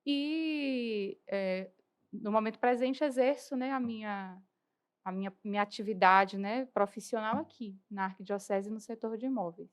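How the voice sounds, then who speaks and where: A woman's voice: mid-range voice, unhurried. A young woman from Bahia with a Bahian accent, a podcast interview guest who explains church matters earnestly and articulately, often adding tag questions. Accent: Bahian Portuguese. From Bahia, Brazil. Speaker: guest, lay church worker and lawyer.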